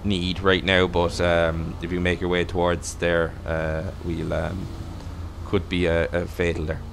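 Low-voiced police radio dispatcher, halting. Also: male voice, completely flat delivery, gravelly, slight background noise. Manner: halting, repeats himself while searching for words.

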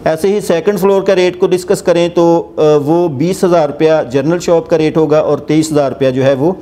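A man in his forties with a Pakistani Urdu accent hosts a property channel from an office, explaining a project's rates to camera with frequent pauses. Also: fairly high pitch. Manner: hesitant, many filler sounds, steady explanatory tone; seated, gesturing with hands while reading notes. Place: indoor office with armchair. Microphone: lapel mic.

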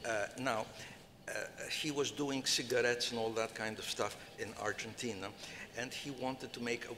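A man's voice: mid-range voice, fairly even intonation, normal speed. An older man speaking as a conference panelist, rambling with many fillers and restarts, into a table mic in a large hall. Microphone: table microphone. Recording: reverberant hall, faint noise.

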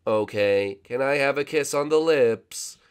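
A man voicing a hypnotised, obedient dinosaur minion in a game, with flat, robotic repetition. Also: medium pitch, a little slow, clean tone, lightly acted.

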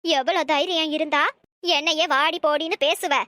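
A woman's voice: high voice, steady tone, moderate pace, pushed and bright, dry recording. A woman voicing a bossy old mother-in-law in a cartoon, scolding and threatening.

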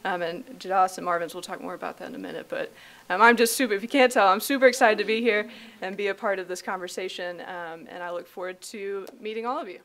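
A woman's voice: mid-range voice, fast, a bit bright. A young woman from Tennessee introducing herself at a conference panel, enthusiastic, with many ums, speaking into a podium microphone. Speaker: graduate program coordinator. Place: conference room.

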